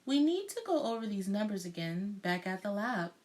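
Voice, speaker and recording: A woman's voice: medium pitch, very animated, moderate pace, darkish tone, close to an everyday voice. Woman putting on a pompous male scientist. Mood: matter-of-fact. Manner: pompous, official. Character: solemn, authoritative male scientist, a learned doctor.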